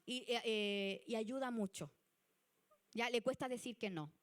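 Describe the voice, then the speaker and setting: Chilean woman teaching a church youth class, lively chatty way of talking, high voice. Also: unhurried. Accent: Chilean Spanish. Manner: chatty and animated, acts out example people. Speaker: youth leadership trainer. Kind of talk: church leadership lesson.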